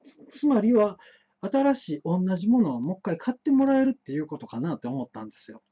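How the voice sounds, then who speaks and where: Stammering Kansai man, lively pitch. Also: fast talker, husky. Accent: Kansai Japanese. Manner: chatty, frequent stammered restarts and fillers. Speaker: host of an internet talk show. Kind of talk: rambling solo monologue, storytelling. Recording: muffled live-stream audio.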